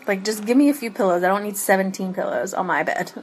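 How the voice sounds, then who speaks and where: A woman's voice: medium pitch, quick pace, a little hiss or hum. Casual woman recapping a TV episode. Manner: laughs often, many ums and restarts; eating while talking. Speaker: podcast co-host recapping a TV episode. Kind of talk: casual chat.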